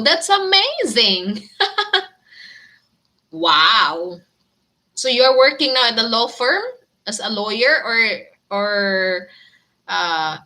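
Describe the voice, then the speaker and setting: A woman's voice: medium pitch, sharp tone. A woman with a Filipino accent, chatting casually with viewers and answering their comments, giggling often. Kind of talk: casual live chat with viewers.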